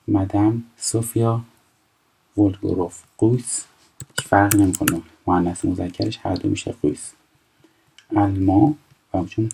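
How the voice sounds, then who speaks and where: A man in his twenties from Iran teaches a recorded French lesson, explaining step by step and reading French phrases slowly before translating them. His voice is low-pitched and gravelly, with background noise.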